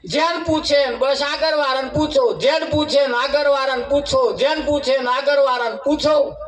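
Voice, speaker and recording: A man, voice pitched very high, telling a folksy parable at a devotional gathering. He repeats his lines and chuckles through the story. The mic sits well away from him in an echoey room. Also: moderate pace, distant mic, slight background noise. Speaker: spiritual speaker at a devotional gathering.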